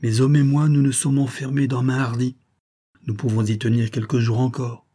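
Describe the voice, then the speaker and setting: Imagine a man reading aloud as a defeated young nobleman, grave and resigned, speaking earnestly despite his sorrow. The voice stays dark and slightly husky. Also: mid-range voice, level tone, moderate pace, natural voice. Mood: las.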